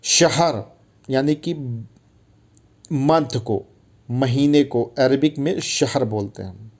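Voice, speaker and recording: A man's voice: mid-range voice, slow pace, darkish tone. A man teaching Arabic words in a casual, chatty way, often calling listeners brother and repeating each word for drilling. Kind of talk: casual spoken language lesson.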